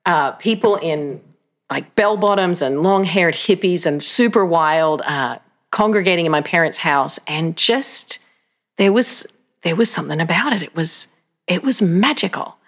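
A woman's voice: fairly low pitch, measured pace. Laughing Australian woman telling stories. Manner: animated, laughing storyteller. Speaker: pastor, podcast guest. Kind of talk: casual interview chat. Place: home, indoors.

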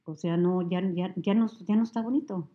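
Speaking briskly in a fairly low voice, this Mexican guest in a relaxed conversation brings her stories to life by performing the dialogue others spoke to her. The audio sounds dull.

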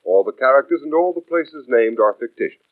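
Animated old radio announcer, American man. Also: mid-range voice, fairly quick. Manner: emphatic, formal old radio announcer delivery. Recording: tinny band-limited vintage radio broadcast.

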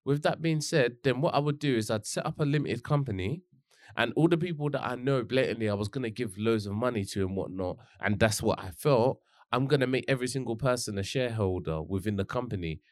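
A man's voice: medium pitch, fairly quick, dry recording. A man with a London accent in casual conversation, using roadman slang and rambling as he thinks aloud. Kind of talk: casual chat.

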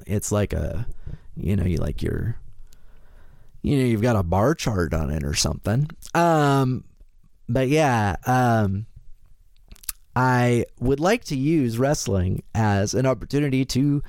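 A man's voice: medium pitch, lively intonation, slow pace, creaky, a little mellow, dry recording, clean studio sound. A man hosting a podcast, casually introducing things in a hesitant, rambling way full of asides. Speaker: podcast host.

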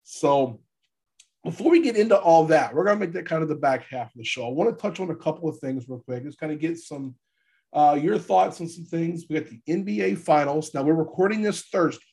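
Congested, gravelly man hosting a sports podcast. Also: fairly high pitch, fairly quick, darkish tone. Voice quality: gravelly, stuffy from allergies. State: congested from allergies. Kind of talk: casual sports podcast chat. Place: podcast studio.

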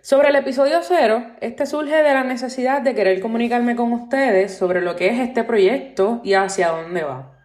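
Her voice is on the high side and a little mellow, at a normal speed, with a roomy echo in the recording. She's a Puerto Rican podcast host in her 20s whose solo monologue, in Puerto Rican Spanish peppered with "este" and "pues", earnestly voices strong complaints about workplaces.

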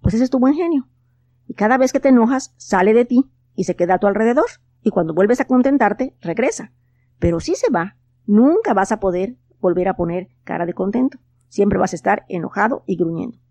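A woman voicing a small mischievous male forest elf for a storybook, high and teasing. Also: animated, a little fast, dark tone, no echo. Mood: explaining.

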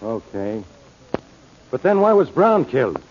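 An actor playing an exasperated, curt, grumbling police inspector in a 1940s radio drama. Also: male voice, medium pitch, big pitch swings, a little slow. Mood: impatient, skeptical. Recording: muffled, noisy old radio recording.

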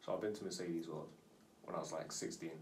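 A man's voice: low-pitched, steady tone, a little fast, a little mellow. A young man co-hosting a podcast, laid-back and joking in slangy casual chat. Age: young adult. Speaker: podcast co-host. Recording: roomy echo, far from mic, faint noise.

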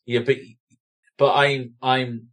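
A man's voice: mid-range voice, little pitch movement, takes it slowly, a bit bright. A man with a Bristolian accent, chatting casually and teasingly as a podcast host.

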